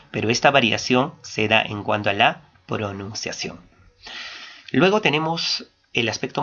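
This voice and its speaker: A man's voice: mid-range voice, fairly bright tone. Peruvian man lecturing on grammar. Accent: Peruvian Spanish, Ayacucho. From Peru. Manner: asks rhetorical questions and answers them; stresses key terms, stretching some words slowly. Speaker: teacher. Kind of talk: classroom lecture. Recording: dull lo-fi recording.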